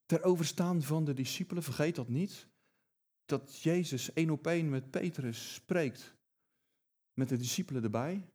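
A man's voice: a little high, mellow. A man preaching a sermon, emphatic and often repeating words as he builds his points.

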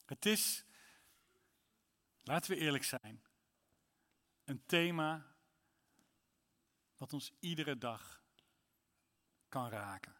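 A man's voice: mid-range voice, lively intonation, very slow, pauses often, sharp tone, big-room sound. A man preaching a sermon in church, reading psalms aloud with rising intensity. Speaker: pastor.

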